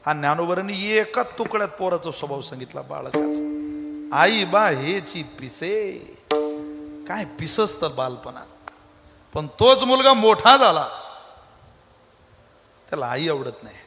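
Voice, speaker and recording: A man's voice: on the high side, animated, a little slow, pauses often, over music. A man preaching a kirtan sermon, telling a story and scolding his listeners dramatically. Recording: echoey hall.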